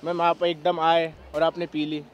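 A man's voice: a little high, little pitch movement, measured pace, lo-fi sound, a crowd in the background. A young man on a city street, politely protesting and calling a stranger ma'am. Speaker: prank target. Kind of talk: casual street argument.

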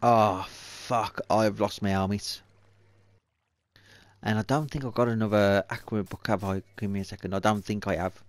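A man with a fairly low, steady voice hosts a let's-play video at a moderate pace, with no room sound. As he plays, he mutters to himself and swears in exasperation.

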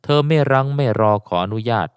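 A man narrating an audiobook in a steady storytelling cadence, close to the mic. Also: a little fast, dry recording.

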